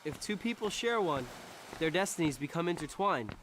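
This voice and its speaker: A confident teenage boy in a video game, teasing and fairly high in pitch. There is clear noise behind the game audio. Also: expressive, normal speed, a bit bright.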